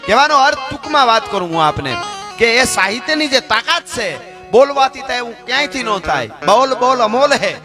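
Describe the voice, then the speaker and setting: A man's voice: extremely high pitch, big pitch swings, brisk, music in the background. A man telling folk stories at a live gathering, acting out dialogue and chanting verses dramatically. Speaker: folk storyteller at a dayro. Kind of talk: dayro storytelling with sung verses.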